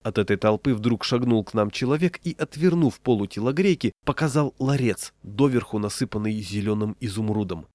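Low-voiced man reading a comic story. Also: animated, fairly quick, few pauses, a little mellow, dry recording. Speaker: narrator. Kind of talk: reading a humorous short story.

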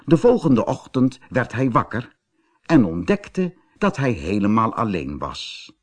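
A man narrating a children's fairy tale audiobook in a slow, expressive storytelling manner. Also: medium pitch.

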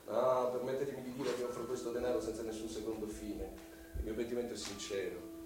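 In this Italian radio drama, the actor voices a lecherous, scheming widowed landowner in middle age, delivering insinuating, self-justifying lines theatrically with pauses and hushed words. His mood is sly and insistent, though his natural, medium-pitched male voice is flat in delivery. It is very echoey, the voice distant over music.

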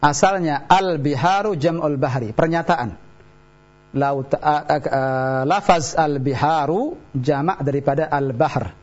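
A man leads a radio language lesson with a slightly high voice, slowly pronouncing each example with care. The broadcast sound is dull and lo-fi. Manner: slow, deliberate model pronunciation. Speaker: Arabic teacher.

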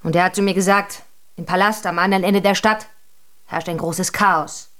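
Woman doing a muddled young saint type, earnest and huffy, slightly low voice, radio play. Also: fairly even intonation, normal speed, fairly bright tone, natural voice. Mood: dreamy. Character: muddled young woman posing as Joan of Arc.

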